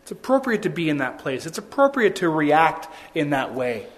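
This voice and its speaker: A young man delivers a sermon in a chatty, earnest tone, often restarting phrases and tossing in asides. His voice sits on the high side for a man. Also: big pitch swings, moderate pace. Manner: conversational, earnest preaching with frequent restarts and asides. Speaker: pastor.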